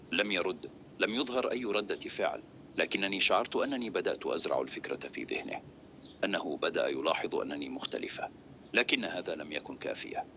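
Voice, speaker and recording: A man reading a dramatic first-person story as scripted narration, steady and grave. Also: low-pitched, a little hiss or hum.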